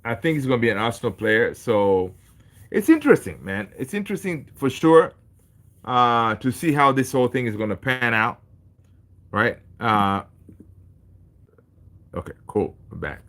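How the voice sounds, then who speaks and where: A man's voice: mid-range voice, big pitch swings, normal speed, long pauses, fairly bright tone. A man from Tanzania hosting a casual football livestream, chatting with viewers in a laid-back, chummy way and reading their comments aloud. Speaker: football channel host.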